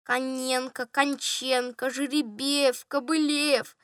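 A woman voicing a muddled middle-aged male estate steward who mutters names slowly and bursts out loudly. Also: high-pitched, no echo, studio quality. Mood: muttering. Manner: muttering slowly, then shouting in joy.

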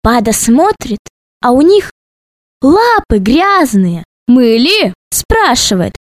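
A woman narrating a children's storybook in a playful, expressive way. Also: high voice, slow pace, dry recording, clean studio sound.

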